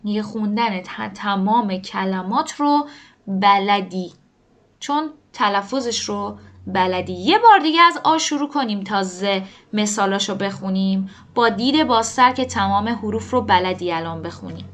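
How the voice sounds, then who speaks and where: A woman teaching a language lesson, explaining pronunciation to learners and slowly repeating example words. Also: medium pitch, expressive, fairly bright tone. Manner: slow drawn-out repetition of example words.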